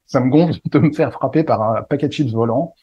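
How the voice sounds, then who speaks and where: Mellow husky man telling a story. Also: medium pitch, fairly quick, dull audio. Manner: playful, self-mocking. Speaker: spiritual medium and storyteller. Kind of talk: casual storytelling.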